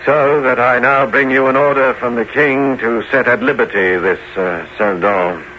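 An actor playing a scheming, smooth-talking bishop in a radio costume drama, coaxing and conspiratorial. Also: male voice, mid-range voice, moderate pace, natural voice. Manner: conspiratorial, coaxing, hesitant "uh" interjections. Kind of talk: audio costume drama acting. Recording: muffled, noisy old radio-style recording.

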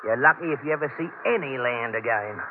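An actor playing a cynical ship's mate who talks in a gruff, complaining way. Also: male voice, mid-range voice, lively intonation, a little fast, close to an everyday voice. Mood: grumbling. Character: grumbling ship's mate, adult man, cynical. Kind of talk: 1940s radio acting. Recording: tinny old radio broadcast, noisy.

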